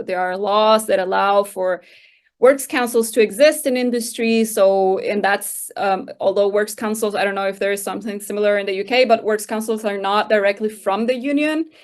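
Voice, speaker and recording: Costa rican woman in her 30s, guest on a podcast, explains stuff slowly w lots of pauses and "like"s. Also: medium pitch, clear, resonant tone. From Costa Rica. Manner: thoughtful, explaining with frequent hesitations and "like". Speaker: guest researcher. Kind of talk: conversational interview answers.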